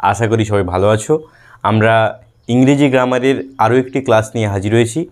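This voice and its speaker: A man teaching a grammar lesson, patiently repeating example words slowly, syllable by syllable. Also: lowish voice. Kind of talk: lesson for students.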